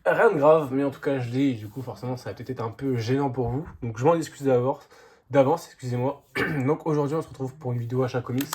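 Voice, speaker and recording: Congested and slightly hoarse, a man with a cold and a mildly sore throat chats his way through a laid-back comics haul for his vlog. His medium-pitched, darkish voice runs fast, full of "euh" fillers and false starts, and the recording carries a faint hiss or hum.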